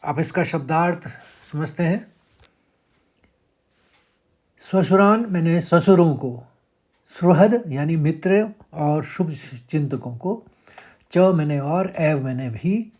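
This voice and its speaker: A man teaching how to pronounce and chant scripture verses, explaining each word and then chanting the lines slowly with stressed syllables. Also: fairly high pitch, darkish tone. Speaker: recitation teacher. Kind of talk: scripture recitation lesson.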